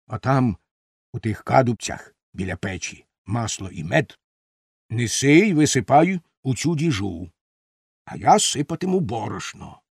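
A fussy royal cook from a storybook, as a man plays him, bossing people around and breaking into shrill shouts. The voice swings widely in pitch and is husky, and it is heard up close. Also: big pitch swings, measured pace, no room sound, heavily acted. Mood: bossy. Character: fussy male royal cook, quick to panic.

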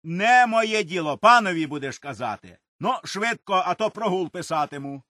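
A man voicing a harsh serf overseer who bellows drawn-out orders at a cottage door in a storybook reading. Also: high-pitched, lively intonation, pushed and bright, dry recording, studio quality, pitched above the performer's own voice. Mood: barking orders.

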